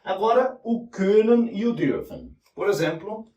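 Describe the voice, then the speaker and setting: A man teaching German in a lesson, explaining slowly and checking in with the class as he writes on a board. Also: high-pitched, a little mellow, highs cut off. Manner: explains slowly, spelling out German forms, with frequent "né?" and "tá?". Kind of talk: whiteboard language lesson. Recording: roomy sound from a distant mic.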